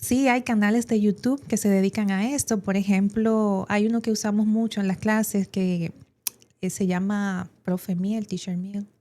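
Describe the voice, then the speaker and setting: A woman's voice: mid-range voice, steady tone, moderate pace, dark tone. A woman with a Dominican Spanish accent, an English teacher explaining in an educational podcast with plenty of examples and fillers.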